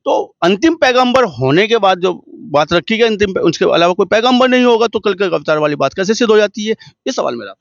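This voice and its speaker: A man's voice: high-pitched, lively intonation, a little fast, gravelly, few pauses, no room sound, muffled recording. A man who interviews his guest, asking questions and murmuring agreement often.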